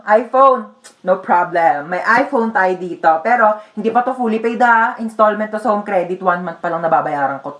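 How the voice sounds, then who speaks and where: A woman's voice: mid-range voice, a bit bright. A woman acting out short comedy skits, switching playfully between characters. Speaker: comedy sketch performer. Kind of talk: comedy skits playing many roles.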